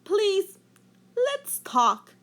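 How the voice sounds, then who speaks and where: Casting: female reader playing sincere little male storybook fish, peacemaker, very high, animated, pleading. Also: drawn-out words, full character voice. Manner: pleading, emphatic. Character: earnest, peacemaking young male Rainbow Fish.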